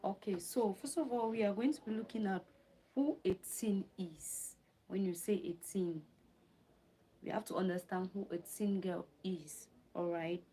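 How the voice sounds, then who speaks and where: Over poor audio with a little hiss or hum, a Cameroonian livestream host reads from her notes, repeats her phrases and breaks off to chat with viewers and answer their questions. She speaks at normal speed in a warm, medium-pitched voice.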